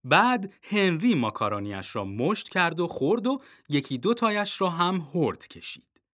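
A man reading a children's storybook aloud, expressive and dropping low for suspense. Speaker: narrator.

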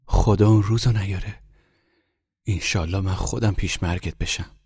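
A man's voice: deep voice, fairly even intonation, darkish tone, husky, no echo, clean studio sound, voice pushed up, exaggerated voice. A man voicing an anxious, pleading wife. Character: anxious, devoted middle-aged wife.

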